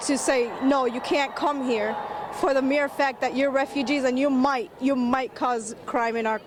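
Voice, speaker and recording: Woman from Iraq, high voice, earnest street-interview answers in quick bursts. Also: steady tone, background noise. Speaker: interviewee at a protest. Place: outdoor street protest.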